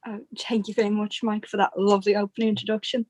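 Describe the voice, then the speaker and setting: A woman's voice: mid-range voice, flat delivery, fast talker, darkish tone, no room sound, lightly acted. A woman playing a polite, slightly flustered forty-year-old secretary on a group video call. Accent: Irish.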